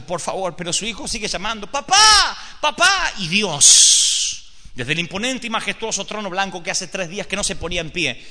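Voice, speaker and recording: A man's voice: fairly high pitch, sharp tone. A man preaching a sermon as dramatic storytelling, theatrical and emphatic, speaking straight to his audience. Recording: echoey hall.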